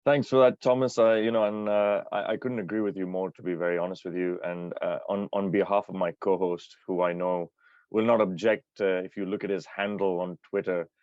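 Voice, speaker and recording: A man with a very low voice hosts a podcast interview. He asks long, rambling questions full of restarts. The sound is dry and a little dull, like a remote call. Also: steady tone, a little fast, a little mellow, dry recording. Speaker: podcast co-host.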